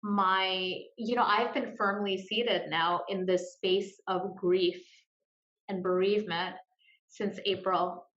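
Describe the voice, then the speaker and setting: A woman speaking earnestly and emotionally as a guest in an interview, with pauses and repeated words. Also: mid-range voice, steady tone, fairly bright tone. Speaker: guest, grief support group founder. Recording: roomy, dull lo-fi sound.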